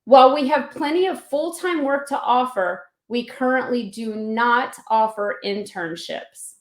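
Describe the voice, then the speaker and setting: A woman working as a recruiter reads a scripted, salesy hiring pitch in a polished way. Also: measured pace. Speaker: company recruiter giving a pitch. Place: indoor room on an online video call. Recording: roomy echo on the voice.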